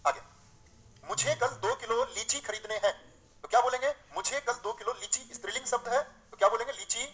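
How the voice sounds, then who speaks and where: A male teacher leads a live online grammar class. He reads each example sentence aloud slowly, then corrects it. He keeps quizzing his students with questions and calls them dear friends. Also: very high-pitched, fairly bright tone, rough recording.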